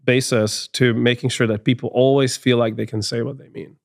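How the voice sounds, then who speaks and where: A Hungarian-accented man in his thirties, an HR executive, appears as a guest on a studio podcast interview. His mid-range voice has a flat delivery and vocal fry, and he talks fairly quickly, thinking aloud with lots of restarts and fillers. The recording is dry.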